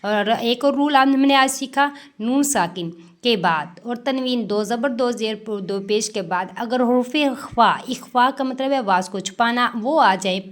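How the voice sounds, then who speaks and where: A woman teaching tajweed step by step, reciting words slowly and drawn out, then explaining the rules and answering her own questions. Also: on the high side. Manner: slow drawn-out recitation of verses between explanations; frequent "theek hai" check-ins.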